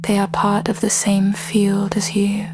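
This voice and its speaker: In a scripted guided body scan meditation, a woman speaks in short phrases with long pauses, using a soft, breathy, hushed voice. She is mid-range and monotone, against a noisy background.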